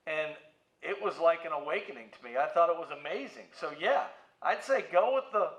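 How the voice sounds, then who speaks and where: Guesting on an interview, the museum's middle-aged American president and CEO keeps things casual and playful, answering through anecdotes. He has a high-pitched, slightly bright voice; the recording is echoey and a little dull.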